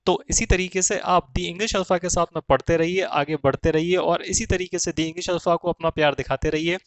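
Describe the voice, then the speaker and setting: Man, vocabulary lesson, smooth resonant voice, dry close sound. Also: on the high side, steady tone, no echo. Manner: addresses viewers as children, checks with rhetorical questions, reads English slowly. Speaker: English teacher.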